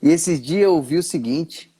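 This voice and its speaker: A man's voice: on the high side, a little slow, dark tone, slightly rough. A man, a pastor talking earnestly in a casual live chat, often restarting his words. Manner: earnest, many restarts and stammers.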